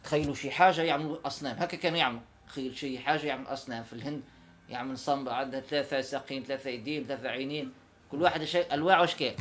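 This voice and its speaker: A man giving an informal religious lesson, animated and quick, breaking into recited verses. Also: mid-range voice, a little hiss or hum. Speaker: religious teacher.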